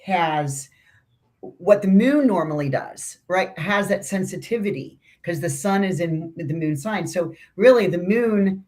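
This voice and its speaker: This is a woman with a notably low, deep voice co-hosting an astrology conversation. She talks loosely and chattily, circling back on her points and tossing in asides. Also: animated, a little slow, darkish tone. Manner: chatty, rambling, with restarts and asides. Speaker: astrology podcast co-host. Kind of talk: casual conversational astrology discussion.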